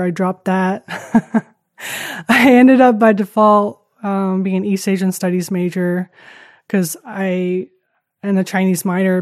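A woman's voice: medium pitch, darkish tone, no room sound, clean studio sound. A woman from Taiwan, speaking candidly and a little hesitantly as an interview guest, with a self-deprecating touch. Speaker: podcast guest.

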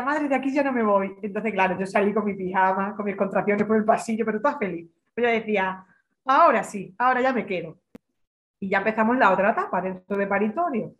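A woman's voice: mid-range voice, a bit bright. A young adult woman from Extremadura, a podcast guest who tells her story in a casual interview and acts out her own past words. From Extremadura, Spain.

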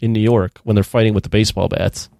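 A man's voice: fairly low pitch, fairly even intonation, gravelly, mellow, no room sound. Hesitant American man, dry close sound. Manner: hesitant, halting. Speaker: podcast co-host. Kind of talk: casual chat.

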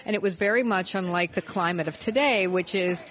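Low-voiced woman reporter explaining the news. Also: a bit bright, poor audio. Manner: measured explainer, fills in background details. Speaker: reporter and podcast co-host. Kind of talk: casual political news podcast chat.

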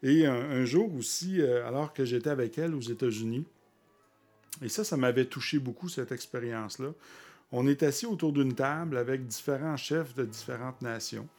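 Québécois guy on a podcast telling stories, lots of "euh" and restarts, gets animated in the telling. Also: mid-range voice, faint music behind. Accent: Québécois French. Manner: halting, with frequent fillers and restarts. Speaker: podcast guest. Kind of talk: conversational storytelling.

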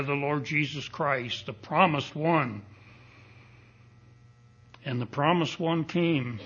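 Slow husky-voiced preacher guy at a pulpit mic, fairly high voice, muffled dull church recording. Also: bright, forceful tone. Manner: deliberate, emphatic preaching with rising declarations. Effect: preaching at a pulpit microphone. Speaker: pastor. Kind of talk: expository sermon. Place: church sanctuary. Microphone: pulpit microphone.

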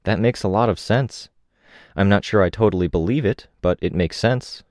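A man's voice: fairly low pitch, moderate pace, darkish tone, dry recording, studio quality, natural voice. A man voicing a guarded, polite teenage girl who answers in short, wry replies.

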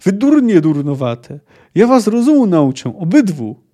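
Man reading, fierce young woman archer from a storybook, shrieking scolds, high-pitched. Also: big pitch swings, a little slow, heavily acted. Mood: furious scolding. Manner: shrill shouting.

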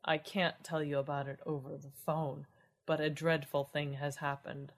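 A woman's voice: deep voice, little pitch movement, normal speed. A woman voicing a despairing young man on the phone in dead, hopeless tones.

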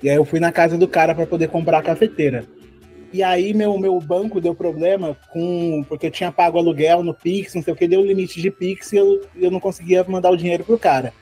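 A man's voice: high-pitched, steady tone, a little fast, dark tone, breathy edge, faint music behind. A Brazilian man, a podcast guest, rambling through anecdotes in casual chat. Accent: Brazilian Portuguese.

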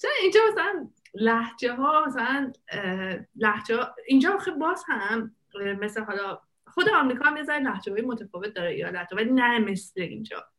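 A woman's voice: a little high, expressive, pushed and bright. A woman from Iran, a guest living in England, chatting casually, laughing often and mimicking the people she quotes. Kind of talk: casual chat.

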